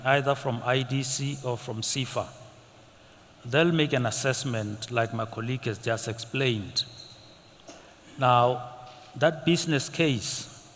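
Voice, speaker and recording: A man on a conference panel, explaining funding steps in a steady, methodical way. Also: mid-range voice. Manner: steady, methodical, lists points in order. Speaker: government incentives manager on a panel. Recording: echoey conference hall, faint noise.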